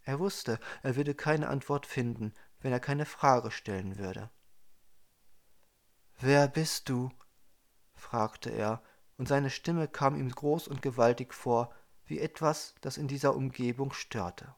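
A man calmly narrating a science fiction audiobook in a steady storytelling manner. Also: mid-range voice, unhurried. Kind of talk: scripted narration.

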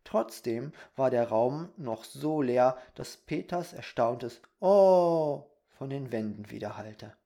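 A storyteller reading a children's bedtime story aloud in a calm, measured manner. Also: mid-range voice, gravelly.

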